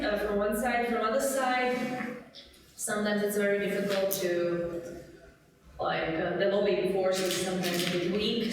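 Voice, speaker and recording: A panelist, speaking in halting phrases and searching for words. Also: medium pitch. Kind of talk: panel discussion remarks. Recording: echoey hall, distant mic, background noise.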